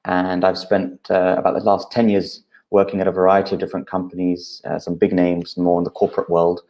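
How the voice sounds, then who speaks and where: A British man in his thirties, appearing as an interview guest, explains things steadily and fairly quickly in a low, deep voice. His pitch stays flat and even throughout, and he uses frequent "uh" fillers.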